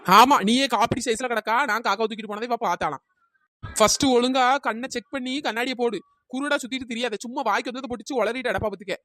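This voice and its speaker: A woman's voice: a little high, a bit bright, dry recording, lightly acted. A woman voicing a scheming village girl in a cartoon, scolding and sly. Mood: mocking. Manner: quick, scolding and sly, switching to sweet pleading. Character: scheming village girl who sells fake biryani. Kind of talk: cartoon voice acting.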